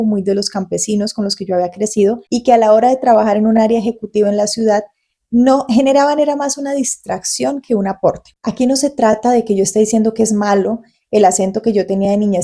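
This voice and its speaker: A Colombian woman in her forties who talks quickly and conversationally to the camera as a Spanish tutor hosting her own channel. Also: mid-range voice, mellow. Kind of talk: casual talk to camera.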